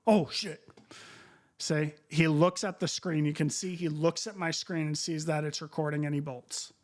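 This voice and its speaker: Flat-toned man muttering on a livestream. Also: on the high side, moderate pace. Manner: informal, muttering, profane. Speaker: streamer. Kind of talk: casual livestream chat.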